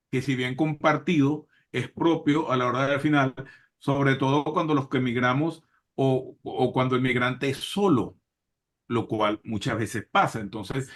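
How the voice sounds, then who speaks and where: A male show host who reflects aloud and builds his point through repeated phrases. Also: medium pitch. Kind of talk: reflective commentary.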